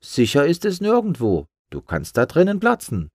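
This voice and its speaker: Man doing a nasty big seagull, high and sneery, swooping all over. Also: wildly swooping pitch, moderate pace, darkish tone, dry recording, studio quality, heavily acted. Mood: taunting. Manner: taunting, menacing. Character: spiteful, mocking big seagull.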